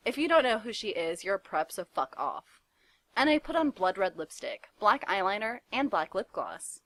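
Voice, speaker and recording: A woman giving a dramatic reading of fanfiction with a deadpan, mock-dramatic delivery. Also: medium pitch, moderate pace, dry recording. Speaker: reader.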